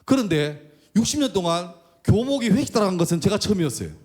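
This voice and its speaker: A man's voice: high voice, quick pace. A middle-aged man preaching a storytelling sermon as pastor and school chaplain, acting out the voices of the people he quotes. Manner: animated, acts out quoted voices. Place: church sanctuary.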